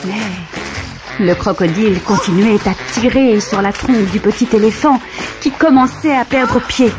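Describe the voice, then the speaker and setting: A woman narrating a children's storybook cassette with an expressive storytelling cadence. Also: mid-range voice, a little slow. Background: background music.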